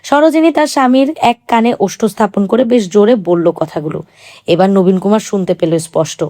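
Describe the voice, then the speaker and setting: A woman narrating a literary novel as an audiobook, in a calm, even storytelling manner. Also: mid-range voice, moderate pace, dry recording, clean studio sound.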